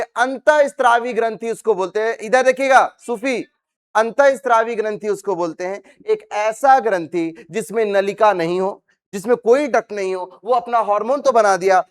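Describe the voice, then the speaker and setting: A man teaching science to a live class, repeating questions and having students recite the terms after him. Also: high voice. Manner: calls students "babu", teasing and scolding them. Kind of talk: classroom lecture.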